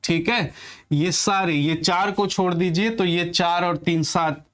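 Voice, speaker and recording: A man with a high voice teaches Hindi grammar in a lesson. He poses questions to his students and answers them himself, and he dictates definitions slowly, word by word, as he writes. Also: steady tone, fairly bright tone. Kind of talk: classroom-style grammar lesson.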